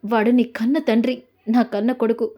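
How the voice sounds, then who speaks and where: A woman's voice: on the high side, level tone, normal speed, dark tone, close to an everyday voice. Woman voicing a demanding old grandmother. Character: sharp-tongued old grandmother, suspicious.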